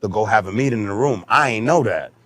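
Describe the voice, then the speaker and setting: A man, a rapper guest telling a story in casual, animated fashion and acting out what people said, with rough street slang. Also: fairly low pitch, fast, no room sound. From New York. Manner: animated, acts out quotes with shifting voices, profane street slang.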